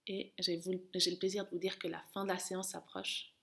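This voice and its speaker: A woman working as a running coach, guiding an interval session with urging, encouraging calls and countdowns in a creaky voice. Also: on the low side, little pitch movement, a little fast, fairly bright tone. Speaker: running coach and podcast host. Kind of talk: guided interval-training coaching. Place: at home, indoors.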